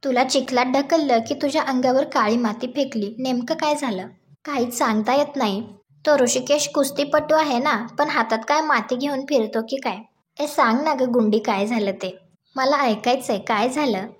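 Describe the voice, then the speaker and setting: A woman's voice: high-pitched, moderate pace, lightly acted. A woman voicing a nosy, teasing grandmother in a plain reading voice.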